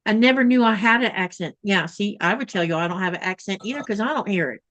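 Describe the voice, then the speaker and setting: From her home in Greenland, a woman originally from Florida co-hosts a casual sewing livestream over a video call, chatting and reading out viewer comments. She talks fast and animatedly in a medium-pitched, fairly bright voice.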